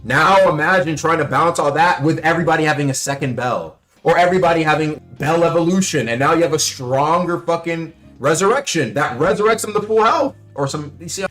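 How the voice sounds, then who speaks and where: A man's voice: on the high side, brisk, few pauses, fairly bright tone. A young man streaming, casually rambling and swearing as he talks through game ideas, with faint music behind him. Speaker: gaming streamer.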